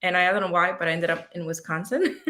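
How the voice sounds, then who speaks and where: A Puerto Rican woman in her fifties, a native Spanish speaker and veteran teacher, chats casually as an interview guest. She animatedly acts out her own thoughts. Her fairly low voice is sing-song, brisk, pushed and bright.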